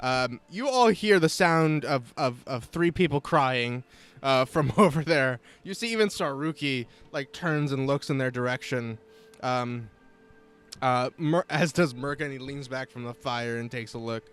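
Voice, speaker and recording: A man's voice: medium pitch, unhurried, fairly bright tone, clean tone, faint music behind. A man running a tabletop game as game master, narrating hesitantly with frequent ums. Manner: hesitant, many ums, laughs often.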